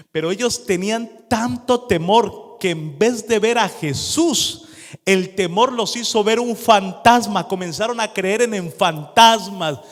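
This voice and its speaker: A man preaching from a church hall in a fairly high voice, telling stories with lots of drama. He slips into the people in his stories and then swings back to the congregation. Every word carries a long reverb through the room. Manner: dramatic storytelling, acting out scenes. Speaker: pastor. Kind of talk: sermon.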